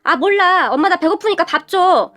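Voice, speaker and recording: A woman voicing a blunt, fearless young wife who talks in a sharp, mocking way. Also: extremely high pitch, normal speed, pitched above the performer's own voice. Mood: offhand.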